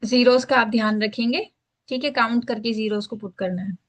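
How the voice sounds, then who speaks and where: Her voice sits on the high side with fairly even intonation, and she moves briskly. This woman teacher is giving a screen-share lesson on filing taxes, explaining each step of the form, slipping English phrases into Hindi, and checking on her students with frequent repetitions of "ठीक है."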